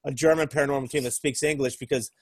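A man's voice: mid-range voice, steady tone, fast, no echo. An American man co-hosting a casual podcast chat who rambles and says "you know" a lot. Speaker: podcast co-host.

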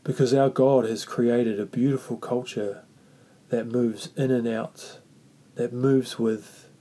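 A man with a New Zealand Māori accent hosting a reflective faith talk, speaking earnestly and haltingly with repeated phrases. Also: mid-range voice, fairly even intonation, warm tone. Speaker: podcast host.

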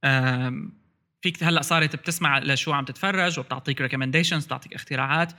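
A man's voice: medium pitch, rapid-fire, pushed and bright. A man with a Levantine Arabic accent chatting casually about tech as a podcast host, mixing English terms into his Arabic.

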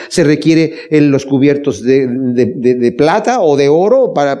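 A man's voice: on the high side, dark tone. A man preaching a Bible study sermon, speaking earnestly and emphatically, asking his listeners rhetorical questions and addressing them fondly. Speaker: pastor leading a Bible study.

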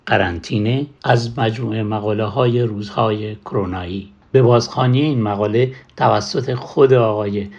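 A man hosting a cinema program, presenting scripted introductions in a formal, measured way. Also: fairly low pitch, a little mellow, dull audio. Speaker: radio host.

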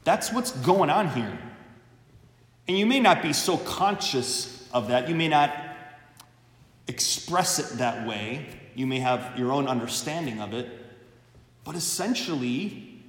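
A man, a priest, reading the Gospel and preaching at Mass in an unhurried, measured way, his voice carried by a cathedral echo. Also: animated, a bit bright. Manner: slow, measured delivery. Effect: cathedral echo with long reverb. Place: large church. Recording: echoey church hall, faint rumble.

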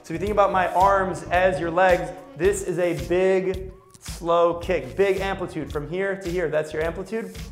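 A man's voice: high voice, steady tone, normal speed, reverberant, faint music behind. A man giving an instructional video lesson as a swim coach, emphatic and instructive, repeating his key points.

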